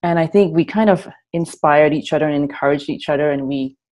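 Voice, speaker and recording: A Malaysian woman in her thirties with a low voice talks a little fast, chatting and laughing easily. She's a guest content creator on a casual video call interview, using an earphone mic in a small room at home, and she comes across as relaxed, giggly and chatty.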